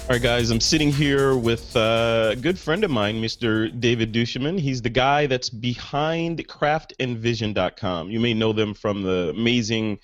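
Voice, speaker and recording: A man's voice: mid-range voice, normal speed, few pauses, no echo, faint music behind. A man hosting a podcast over a video call, talking in a casual, upbeat way with frequent fillers. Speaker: podcast host.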